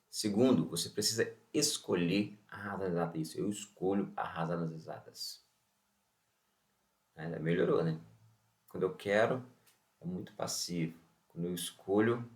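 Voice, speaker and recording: A Brazilian man teaching an online science lesson, asking rhetorical questions and then answering them himself. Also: sits low. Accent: Brazilian Portuguese. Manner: opens with a Bible verse and blessing.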